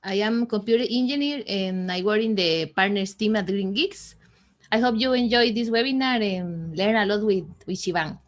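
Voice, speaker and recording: A woman's voice: mid-range voice, moderate pace. Young woman from Rica, polite greeting. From Costa Rica. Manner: simple polite phrasing. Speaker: computer engineer on partners team. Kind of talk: brief webinar greeting. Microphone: webcam on a video call.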